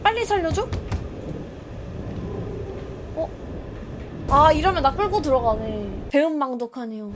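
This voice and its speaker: A woman's voice: sits high, measured pace, pauses often, background noise. A woman streaming a horror game live, chatting to viewers and shrieking when startled. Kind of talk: live gameplay commentary.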